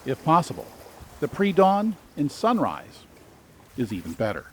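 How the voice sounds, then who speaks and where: Lively male travel-guide narrator. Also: a little high, a little slow, slight background noise. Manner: dry, lightly sarcastic asides. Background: soft background music.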